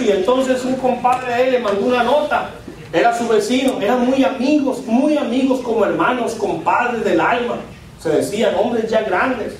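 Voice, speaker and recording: A man preaching a sermon as pastor, with pauses, letting his voice drop at the ends of lines. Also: very high-pitched, slight background noise. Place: church hall. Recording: very echoey church hall from far off.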